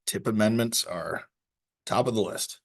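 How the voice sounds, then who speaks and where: Staff man presenting agenda items, lowish voice, dry humor, restarts often. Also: unhurried, gravelly. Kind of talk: presenting at a planning meeting. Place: meeting room.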